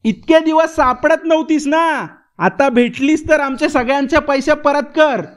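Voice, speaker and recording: Male reader doing insistent teasing young guy, storybook dialogue, pitched up. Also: normal speed. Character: teasing young man demanding money back.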